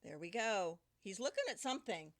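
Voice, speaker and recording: A woman teacher reading a picture book aloud to children indoors, animated and stopping often to ask the children questions. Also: mid-range voice, a little fast.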